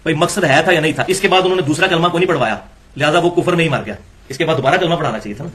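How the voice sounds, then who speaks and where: A man's voice: on the high side, a bit bright. A man giving an Islamic lecture, reading passages from books and challenging them with rhetorical questions. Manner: argumentative, rhetorical questions, critiquing texts. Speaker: religious lecturer.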